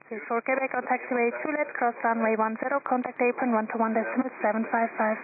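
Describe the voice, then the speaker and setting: Female air traffic controller, higher voice, very quick procedural delivery, over radio with clear static. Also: steady tone. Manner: procedural, clipped phraseology. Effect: aviation radio. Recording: tinny, noisy aviation radio transmission.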